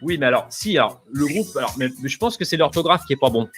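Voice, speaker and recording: A man's voice: a little high, expressive, fast talker, fairly bright tone. A man hosting a playful live blind test show as DJ, joking and teasing his co-host, often laughing and slipping into sing-song. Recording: music playing behind.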